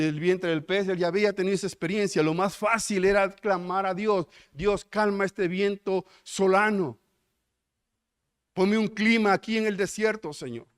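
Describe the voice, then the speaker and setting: A man's voice: high voice, clear, resonant tone. A man with a Mexican accent preaching a sermon, emphatic and full of rhetorical questions to the congregation. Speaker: pastor.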